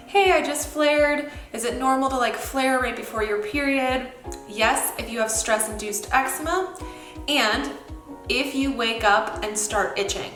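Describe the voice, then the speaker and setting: A woman's voice: mid-range voice, a bit bright. Chatty woman vlogger in an echoey apartment. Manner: chatty, informal, addresses viewers directly. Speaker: wellness vlogger. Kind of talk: casual chat to camera. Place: indoors, newly moved-into echoey apartment. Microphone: wireless earbud microphone. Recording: echoey empty-apartment room, hallway-like echo.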